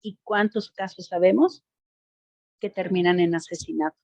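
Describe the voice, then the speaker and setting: A woman's voice: fairly low pitch, steady tone, moderate pace, creaky, a little mellow, no echo, dull audio. A woman giving an informal school talk on gender violence, speaking expressively and addressing the audience directly. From Mexico.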